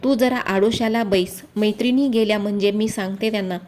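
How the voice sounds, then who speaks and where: A woman's voice: mid-range voice, fairly even intonation, fairly quick, darkish tone, natural voice. A woman doing a cautious palace maid. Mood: anxious.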